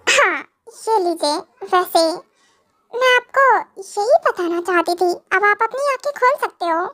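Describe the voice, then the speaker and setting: Woman voicing a flustered young wife, scolding, very high voice, lively pitch, fan audio drama. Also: a little slow, heavily acted. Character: shy flustered young wife, pouty and bossy.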